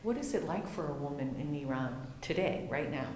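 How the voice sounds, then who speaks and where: A woman's voice: low voice, expressive, fairly quick, darkish tone, roomy sound, a little hiss or hum. A woman interviewing a guest, asking questions and offering affirming comments. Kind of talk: conversational interview.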